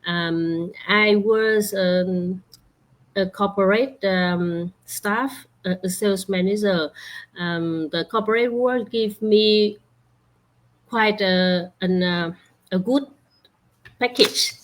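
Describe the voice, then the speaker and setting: Slow halting woman host from vietnam on a video call, lots of ums. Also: medium pitch. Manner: slow, halting, many fillers. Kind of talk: online interview introduction.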